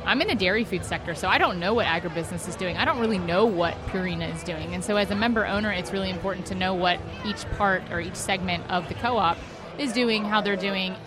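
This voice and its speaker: A woman's voice: mid-range voice, quick pace. A chatty woman dairy farmer from Maryland, talking casually in an interview. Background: music bed.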